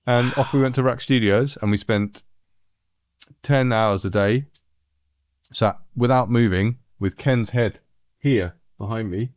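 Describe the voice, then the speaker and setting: A middle-aged man from England, a music producer, telling anecdotes in a relaxed, animated way with frequent laughs. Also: medium pitch, a little slow, long pauses, no room sound, studio quality. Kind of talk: relaxed storytelling.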